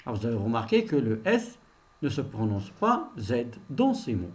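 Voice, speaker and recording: A man teaching a French pronunciation lesson, saying each example word slowly, often twice, and explaining its meaning in simple terms. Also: mid-range voice, huge pitch swings, a little mellow. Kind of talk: slow reading-lesson pronunciation drill.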